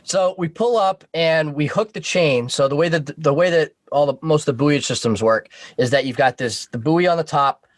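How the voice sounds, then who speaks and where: With no echo around him, this American man speaks at a moderate pace with few pauses, his voice a little high. He's a Coast Guard veteran guesting on a podcast, casually sharing stories laced with profanity and humor.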